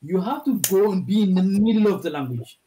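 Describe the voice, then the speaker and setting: Speaking over a video call as part of a panel discussion, this Ethiopian man tells a rambling story and keeps restarting his phrases. His voice is high, expressive, fairly quick, and warm, carrying an Ethiopian accent from his native Amharic. The recording is low quality, with slight background noise.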